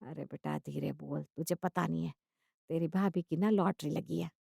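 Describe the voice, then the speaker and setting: A woman voicing a greedy, scheming older mother-in-law who coaxes sweetly and then bursts out loud, recorded dry. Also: mid-range voice, lively intonation, moderate pace, no room sound, close to an everyday voice. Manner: sugary coaxing, with sudden loud outbursts.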